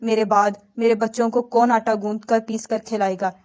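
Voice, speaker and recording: A woman's voice: fairly high pitch, level tone, a little mellow, close to an everyday voice. A woman voicing a grieving young wife and mother in a spoken religious story, in a tearful, pleading tone. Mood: sorrowful.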